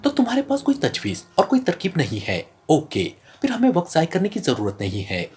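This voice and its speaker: A narrator voicing a calculating male secret agent who speaks in a flat, icy, menacing tone in an audiobook. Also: medium pitch, a little fast. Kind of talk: audiobook character reading.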